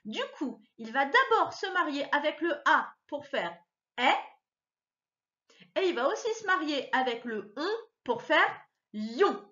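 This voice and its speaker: Lively, patient woman teaching a child. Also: highs cut off. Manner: patient, sounds out words slowly and repeats them; lively, pitch leaps up when stressing a point. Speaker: primary school teacher. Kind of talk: remote reading lesson for a young child.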